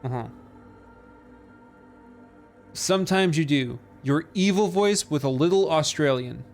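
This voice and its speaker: A man's voice: a little high, a little slow. A male streamer talking through his game in loose, casual chat. He swears freely, with faint music playing behind. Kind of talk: casual gameplay commentary.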